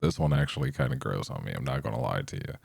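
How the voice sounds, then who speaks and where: A young man hosting his own podcast, rambling unscripted in a monotone with lots of fillers. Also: very deep voice, quick pace, gravelly, breathy edge. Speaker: podcast host.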